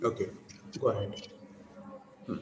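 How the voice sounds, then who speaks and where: A man's voice: a little slow, a little mellow, reverberant, big-room sound, a little hiss or hum, rough recording. A male teacher explaining intonation to a class, repeating points and checking that students follow. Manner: repetitive, asks for confirmation. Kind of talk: classroom lecture.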